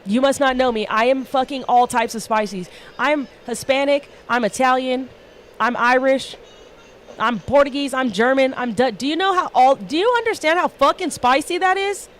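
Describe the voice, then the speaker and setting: Hosting a livestream panel, a woman rants casually in a blunt, emphatic way and swears nonstop. Her voice is high and her pace moderate.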